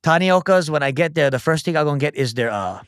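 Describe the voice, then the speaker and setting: A man's voice: on the high side, animated, fast talker, smooth, no room sound, clean studio sound. A man in his forties from Hawaii with a Hawaiian Pidgin-tinged accent, speaking as a guest in a casual podcast conversation in a blunt, emphatic, profane way. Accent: Hawaiian Pidgin-tinged English. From Oahu, Hawaii. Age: 40s. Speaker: guest chef and entrepreneur.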